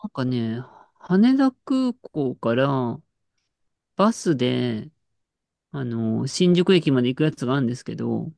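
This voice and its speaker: A woman's voice: a bass voice, big pitch swings, unhurried, creaky, darkish tone, no echo. A woman in casual chat, telling an anecdote with lots of fillers and restarts. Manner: storytelling with frequent fillers and laughs.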